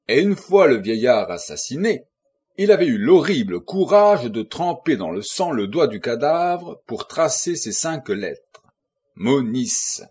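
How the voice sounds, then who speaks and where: Husky male audiobook reader, measured, expressive narration. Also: mid-range voice. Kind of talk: first-person novel narration.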